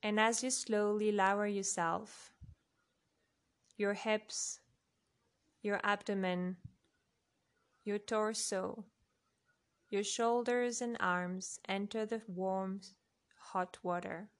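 A woman narrating a guided sleep meditation in a soft, unhurried way, with long pauses between phrases. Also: mid-range voice, steady tone.

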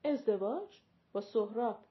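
A woman's voice: a little high, animated, highs cut off, lightly acted. Woman voicing a wry restless young woman.

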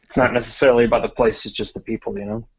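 A man who was born in Cameroon, a guest on a podcast, talking casually in a relaxed, wry and self-deprecating way. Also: mid-range voice, racing, lo-fi sound. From born in Cameroon, raised in several countries. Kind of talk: casual conversational interview.

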